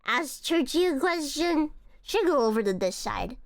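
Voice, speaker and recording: A woman streamer telling a story in a chatty, animated way, with laughs and fillers. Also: sits high, a little slow, no room sound. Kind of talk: casual storytelling.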